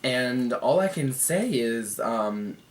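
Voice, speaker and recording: A young man vlogs to camera, giving a sassy, profane and gossipy review full of mocking quoted voices. His voice is mid-range with lively intonation and a slow pace, and a slight hiss or hum is audible.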